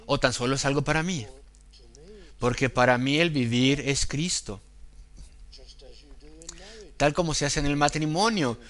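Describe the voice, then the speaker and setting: A man preaching a sermon, quoting scripture and acting out inner temptations, with slow, deliberate emphasis. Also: a little high, fairly bright tone.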